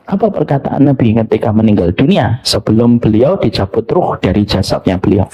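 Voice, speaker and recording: A middle-aged man preaching a lively sermon, asking his audience questions and dropping to soft near-whispers for tender moments. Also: lowish voice, brisk, husky. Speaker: Islamic preacher. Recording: dull lo-fi lecture recording.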